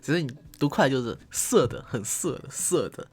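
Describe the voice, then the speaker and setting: A young channel host speaks at a normal pace in an expressive, husky, mid-range voice, with soft music playing underneath. Chatting casually to camera through a desk condenser mic, he teases, pokes fun at himself, and overplays English words.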